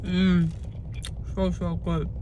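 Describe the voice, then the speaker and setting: A young woman chatting casually through a food vlog, talkative and animated, laughing often. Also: on the low side, extremely slow, highs cut off, a little hiss or hum. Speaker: vlogger. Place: in her car, then at home.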